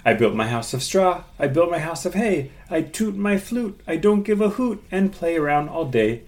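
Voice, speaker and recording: Man playing lazy little storybook pigs, high and sing-song, merry and carefree. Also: normal speed, darkish tone, close to an everyday voice.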